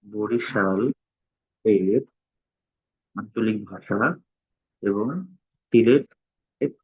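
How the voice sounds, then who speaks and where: A man's voice: fairly low pitch, husky. A man, teaching a tutorial and dictating word by word as he types. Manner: halting, dictates word by word while typing. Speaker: instructor. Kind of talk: screen-recorded tutorial. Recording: tinny phone-like sound.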